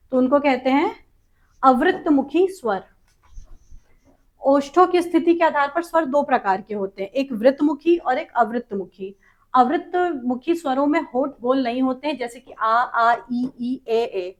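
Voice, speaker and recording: A woman teaching a spoken exam practice lesson, reading out questions and options and then explaining each answer. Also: sits high. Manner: drawn-out sounding-out of vowels and terms.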